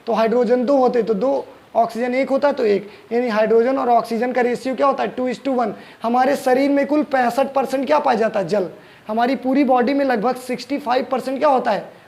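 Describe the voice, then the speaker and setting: Male science tutor, very high, gravelly voice; quizzes his students and answers himself. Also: fairly even intonation, brisk, darkish tone. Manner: asks the class questions and answers them himself; explains step by step, repeating key terms. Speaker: teacher. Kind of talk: exam-prep science lesson.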